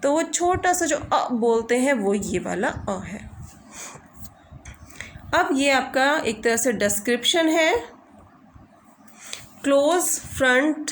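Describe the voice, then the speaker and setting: Female teacher, unhurried and patient, slightly high voice, faint room noise. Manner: slow, patient, drawn-out demonstration of vowel sounds. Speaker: English phonetics teacher. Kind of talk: slow explanatory lesson over a screen recording.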